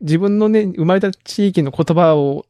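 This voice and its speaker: A man from Kagoshima chatting on a podcast, reasoning in a brisk, animated way. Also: high-pitched, no echo, studio quality. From Kagoshima, Japan. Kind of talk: casual chat.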